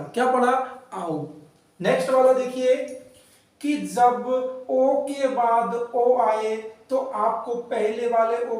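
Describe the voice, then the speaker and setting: A man's voice: extremely high pitch, darkish tone. A man teaching English pronunciation to learners, drawing out each example word and asking them questions. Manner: slow, drawn-out example words, asks learners questions. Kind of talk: classroom lesson. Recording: very echoey room, voice from far off.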